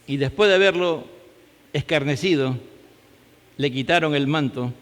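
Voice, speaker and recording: A male pastor with a Peruvian accent preaching a fervent sermon, swinging from loud emphatic peaks to low prayer. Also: measured pace. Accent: Peruvian Spanish. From Peru. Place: church hall. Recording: church hall with long reverb.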